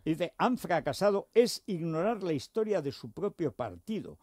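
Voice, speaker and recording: A man's voice: a little high, a little mellow, dry recording. Sardonic male radio host, dry studio sound. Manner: sardonic, mocking, reads quotes aloud. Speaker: radio talk show host. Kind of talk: radio panel discussion. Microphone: studio microphone.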